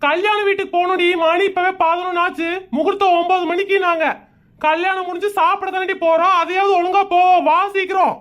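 A woman's voice: flat delivery, brisk, a bit bright. A woman voicing a grumbling middle-aged husband in a cartoon, scolding. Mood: impatient. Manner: gruff, scolding, mutters in a low put-on voice.

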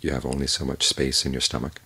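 An older man, a Buddhist monk, giving a calm, measured evening Dhamma talk with unhurried pauses and a husky voice. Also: rumbling low, no echo.

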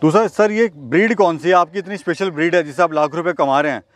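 A middle-aged man interviewing a farmer outdoors, asking brisk, prompting questions and addressing viewers directly. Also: a little high, no room sound. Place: outdoor farm among chickens. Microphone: handheld mic at mid distance. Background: chickens clucking and crowing.

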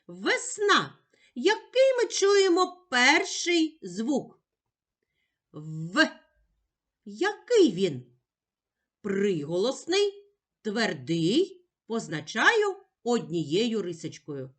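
Very slow, bright, lively-voiced woman teacher. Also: on the high side. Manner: gentle, addresses the child directly, spells out sounds one by one. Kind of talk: slow, clearly spoken lesson for a child.

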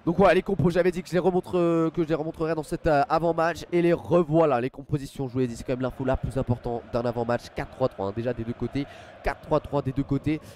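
Speaking fast in a slightly high, darkish voice with fairly even intonation, this young Frenchman runs a live football stream over a headset mic, and a bit of hiss or hum is audible. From his desk in a small home room, he chats through pre-match commentary, reads the chat, uses plenty of fillers and thanks viewers by name.

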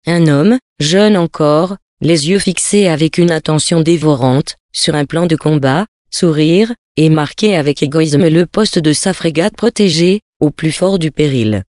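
A man reading a sea story aloud, with steady, even storytelling and lightly voiced dialogue. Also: on the high side, a little slow, hardly any pauses, no room sound, studio quality. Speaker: reader.

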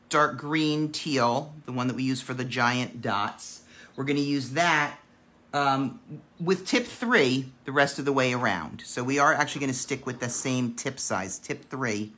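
A man with a gravelly voice, chatting and counting aloud as he demonstrates a painting craft. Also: mid-range voice, pushed and bright. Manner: chatty, counts dots aloud while working. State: gravelly voice today. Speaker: craft instructor.

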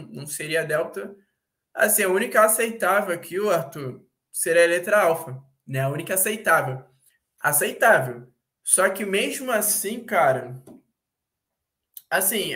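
A man's voice: high-pitched, sharp tone. A man with a Brazilian accent teaching English in a casual, slangy live online class, often checking in with his students.

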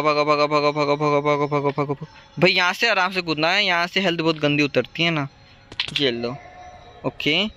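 Streamer type: man with a high, bright voice, chatty play-by-play, faint room noise behind. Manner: chatty, repeats words in rapid strings, reacts to chat. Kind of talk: live gameplay commentary. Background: faint ambient noise.

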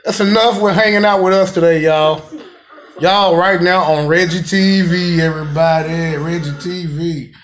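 A man's voice: fairly high pitch, fairly even intonation, normal speed, fairly bright tone. A man hosting a family vlog, trading laughing, profane, mock-threatening banter with relatives. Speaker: vlog host. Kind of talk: rowdy comedic family vlog.

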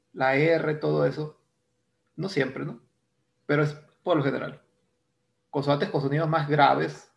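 A man's voice: fairly high pitch, gravelly. A male English teacher with a Mexican Spanish accent, explaining grammar step by step in a recorded lesson and checking in with "¿no?" as he goes. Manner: explains step by step, repeats terms, asks "¿no?".

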